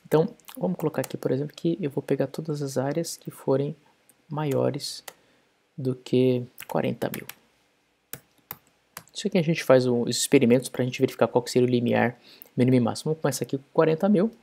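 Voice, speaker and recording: A man's voice: mid-range voice, brisk, vocal fry, dark tone. A man explaining code step by step in a programming tutorial screencast. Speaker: programming instructor.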